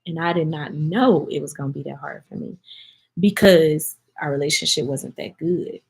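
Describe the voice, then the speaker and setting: Low, gravelly woman getting teary. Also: normal speed, rough recording. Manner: heartfelt, speaks directly to viewers as y'all. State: teary-eyed. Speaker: vlogger answering viewer comments. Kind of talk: casual emotional chat.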